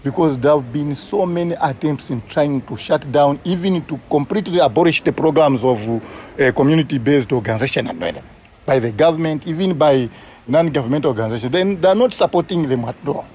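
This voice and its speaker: A man's voice: on the high side, lively intonation, a little fast, a little mellow, slight background noise. Earnest Zambian man recalling conservation work. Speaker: community conservation coordinator. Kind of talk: interview recollection.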